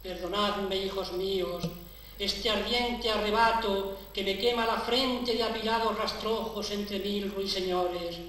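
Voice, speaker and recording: Brief: man, fervent poetry reading, high voice, echoey distant recording. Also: steady tone, a little slow, fairly bright tone. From La Mancha, Spain. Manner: solemn, impassioned declamation. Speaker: prize-winning poet. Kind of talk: poetry recitation at an awards ceremony. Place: large hall at a public ceremony. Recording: echoey hall, distant mic, faint hiss.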